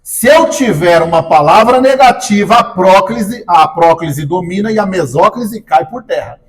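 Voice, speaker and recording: A Brazilian man teaching an exam-prep grammar lesson, jokey, asking the class questions and answering them himself, spelling out example words slowly and loudly. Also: high voice, expressive.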